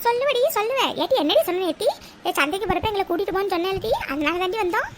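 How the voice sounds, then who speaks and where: A woman's voice: animated, racing, background noise. A woman voicing teasing, gossipy village women friends in a cartoon, with a mocking way of talking. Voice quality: squeaky, mocking, calling out loudly. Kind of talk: cartoon voice acting.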